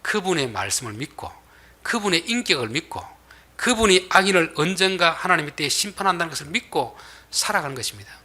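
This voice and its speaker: A man preaching a sermon as pastor, dramatic, swinging between loud emphatic bursts and soft near-whispers. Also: fairly high pitch, very animated, a little fast.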